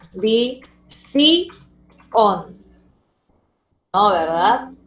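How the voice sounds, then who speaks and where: Female teacher, mid-pitched, patient step-by-step explainer; roomy, slightly dull lo-fi sound. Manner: explains step by step, checks in with students. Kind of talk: online language lesson.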